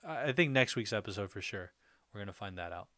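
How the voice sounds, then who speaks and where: Talking fast with lively intonation, a livestream host with a lowish, pushed, bright voice reacts to viewer comments. He reads them out, thinks them through and frequently laughs between remarks in this casual chat.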